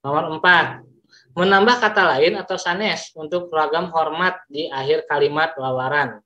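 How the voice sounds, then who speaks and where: A man's voice: a little high, fairly even intonation, normal speed, sharp tone. A male teacher with a Sundanese accent explaining a lesson, repeating examples and stretching words for emphasis. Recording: slightly dull lo-fi recording.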